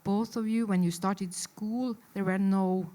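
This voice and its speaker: A woman's voice: medium pitch, fairly even intonation, a little slow, mellow. A woman moderating a panel discussion, searching for words as she frames the questions.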